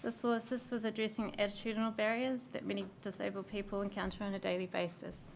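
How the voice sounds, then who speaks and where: Hoarse New woman reading a submission. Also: medium pitch, a little hiss or hum. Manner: steady, measured reading with small slips and fillers. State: hoarse, losing her voice. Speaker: submitter at a council hearing.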